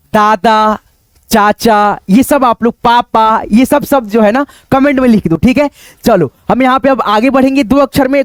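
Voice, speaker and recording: A man with a fairly high voice teaches Hindi writing in an online lesson. He dictates words slowly and patiently, spelling them out syllable by syllable and checking in with his students again and again. The sound is dry and close, with no room echo. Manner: keeps checking in with "ठीक है" and "दोस्तों".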